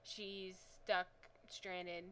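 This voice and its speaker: A woman's voice: on the low side, little pitch movement, extremely slow, a bit bright, slight background noise, poor audio. A woman talking casually about her own story, rambling and apologetic in a self-conscious way. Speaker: amateur storyteller. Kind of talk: casual chat to camera.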